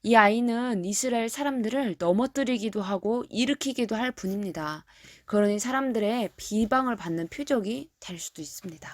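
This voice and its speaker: A woman's voice: fairly high pitch, normal speed, no echo, clean studio sound, lightly acted. A woman voicing a devout elderly man who prays earnestly and rejoices, told within a children's Bible story. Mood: solemn.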